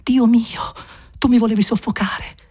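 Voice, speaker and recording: A man voicing a passionate, playful young woman lover in a read-aloud novel, with a husky voice raised well above his own. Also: a little high, fairly even intonation, normal speed, a little mellow, voice pushed up. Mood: breathless. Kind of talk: audiobook character voice.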